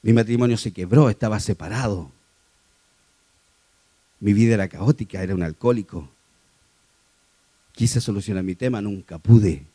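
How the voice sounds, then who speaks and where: A man preaching a sermon to his congregation, moving between quiet personal testimony and raised, emphatic exhortation. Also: fairly low pitch. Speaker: lay preacher.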